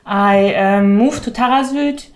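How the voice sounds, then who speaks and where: German-accented woman guest, relaxed, some hesitation, roomy echo. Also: fairly high pitch, a little slow. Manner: relaxed, laughs easily, hesitant fillers. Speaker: guest, co-living founder. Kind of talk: casual interview answers.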